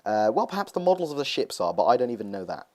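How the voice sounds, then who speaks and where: A man's voice: mid-range voice, sing-song, fast, darkish tone. A young man talking casually over gameplay footage, rambling with lots of hesitations as he hosts his gaming video.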